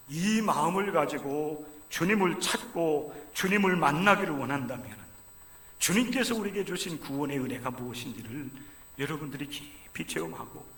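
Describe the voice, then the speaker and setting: A fairly high-voiced male pastor preaches with fervor, pushing some lines out loud and pleading, then dropping others to a near hush. His voice rings through a roomy, echoing church sanctuary. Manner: impassioned preaching that swings from loud pleading to hushed low lines. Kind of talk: sermon. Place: church sanctuary during a service.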